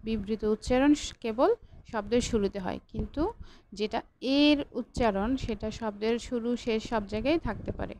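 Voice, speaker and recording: A woman's voice: on the high side, moderate pace, a little mellow, slight background noise. A female college lecturer giving an online class, patient and repetitive, stopping to correct her own slips.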